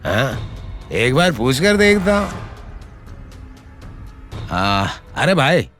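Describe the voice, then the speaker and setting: A man's voice: medium pitch, very animated, very slow, a bit bright, soft background music, exaggerated voice. An actor playing a desperate, pushy man who keeps pleading to see a woman. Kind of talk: Hindi TV serial acting.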